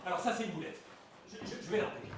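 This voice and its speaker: A man's voice: high voice, rapid-fire, natural voice. A man acting a naive, well-meaning bumbler who stammers and hesitates, in an amateur stage comedy. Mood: fussy. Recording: echoey stage from far off, audience noise.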